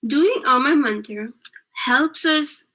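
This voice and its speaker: Slow, bright-voiced woman teaching online. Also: high voice, rough recording. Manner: patient, keeps checking with "right?". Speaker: religious class teacher. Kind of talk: online children's lesson. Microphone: video call.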